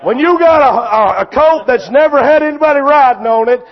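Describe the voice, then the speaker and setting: A man preaching a sermon, impassioned and often shouting, with a repetitive preaching cadence. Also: very high-pitched, brisk, dull audio.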